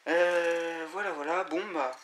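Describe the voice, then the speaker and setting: A man giving a casual, halting unboxing commentary, full of fillers and restarts. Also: fairly high pitch, steady tone. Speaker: vlogger unboxing scooter parts. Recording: echoey room with loud noise and crinkling.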